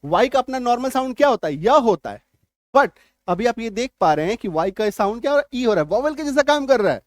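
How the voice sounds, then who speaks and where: A man with a fairly high voice teaches spelling and spells words out letter by letter. He repeats each point and often checks that his students understand. The sound is dry and close, with no room echo. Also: sing-song, quick pace. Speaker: English teacher. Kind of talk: spelling lesson.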